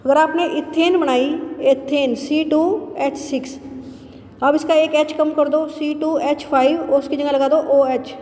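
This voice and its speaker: A woman teacher giving a chemistry lesson, asking questions and answering them herself, repeating key terms slowly. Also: sits high, fairly even intonation, dark tone. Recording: roomy echo with long reverb.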